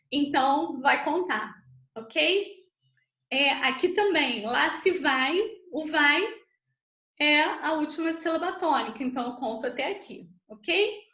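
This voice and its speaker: A woman's voice: sits high, fairly bright tone, echoey room. A Brazilian woman teaching an online literature class, explaining patiently and checking in with tag questions as she counts syllables aloud. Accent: Brazilian Portuguese.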